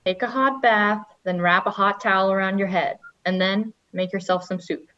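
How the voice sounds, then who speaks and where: Fussing, doting father read by a woman in a table read; gentle, muffled recording. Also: medium pitch, steady tone, moderate pace, lightly acted. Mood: caring. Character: doting middle-aged father. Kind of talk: unrehearsed script read-through. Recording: dull lo-fi recording.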